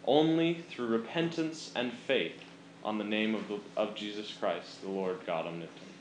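A man's voice: fairly low pitch, moderate pace. A man giving a recitation of scripture. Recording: echoey room with faint noise.

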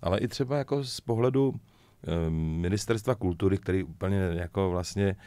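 A middle-aged man with a very low voice, talking casually as an interview guest. He jokes and tells stories in a lively way. His voice is close and dry, with no room sound. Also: dry recording. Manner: lively joking storyteller, chuckles often. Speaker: musician guest.

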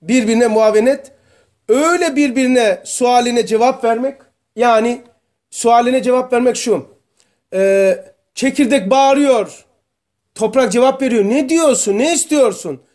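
Guy teaching a religion class, real high voice, quizzes the students, goes slow on the words. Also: a little mellow. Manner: asks students questions, explains terms slowly. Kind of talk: religious lesson to a small group.

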